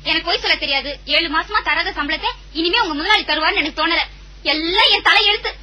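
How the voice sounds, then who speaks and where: A woman playing a sharp-tongued, fed-up housewife who answers her broke husband with sarcastic retorts, in a comedy audio drama. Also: very high voice, fast, heavily acted. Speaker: wife.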